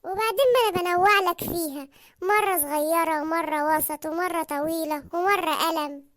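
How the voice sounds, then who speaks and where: Woman doing a super squeaky egyptian cartoon wife, naggy and sarcastic, talks real fast. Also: fairly bright tone. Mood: mocking. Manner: scolding, sarcastic, quick retorts. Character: nagging thrifty Egyptian housewife, sharp-tongued and teasing. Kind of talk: cartoon comedy voice acting.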